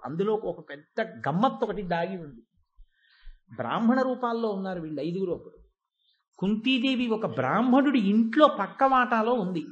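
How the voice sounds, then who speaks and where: A man's voice: sits high, lo-fi sound. A man giving a devotional discourse, retelling epic stories expressively and reciting verses to his listeners. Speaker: religious discourse speaker.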